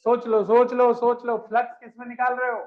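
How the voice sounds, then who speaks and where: A man's voice: extremely high pitch, completely flat delivery, a little fast. A male physics teacher lecturing a live class, asking questions, repeating them, and coaxing his students along as children. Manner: addresses students fondly as children. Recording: dull lo-fi sound.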